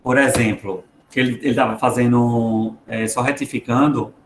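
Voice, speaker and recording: A man, a psychologist reading a book aloud and commenting on it in an earnest talk, slowing down to stress words. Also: medium pitch, fairly even intonation. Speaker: psychologist guest speaker. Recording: echoey room with faint background noise.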